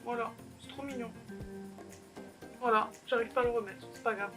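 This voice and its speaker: Alone at home with her camera, a young vlogger giggles and rambles through a casual haul, teasing herself as she goes. She speaks a little high, with a steady tone and moderate pace, over music.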